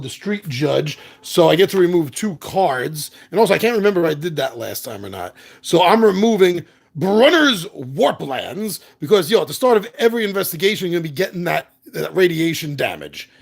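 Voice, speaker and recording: A man's voice: on the high side, very animated, a little fast, vocal fry, few pauses. A man hosting a board game video, talking casually and rambling with lots of fillers, a little out of breath. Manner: rambling, self-deprecating, chatty with fillers. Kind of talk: casual chat to a live audience. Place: apartment.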